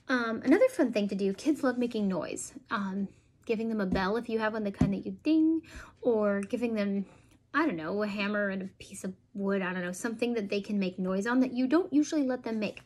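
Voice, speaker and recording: Woman in her thirties, parent demonstrating home reading lessons, slow read-aloud delivery with heavy inflection. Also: medium pitch, a little mellow, a little hiss or hum. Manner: reads picture books aloud slowly with exaggerated inflection.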